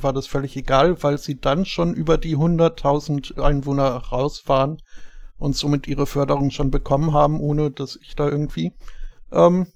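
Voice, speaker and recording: A man's voice: a little high, vocal fry, darkish tone, no echo. A man hosting a podcast quiz, talking hesitantly with many filler sounds. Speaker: quiz host.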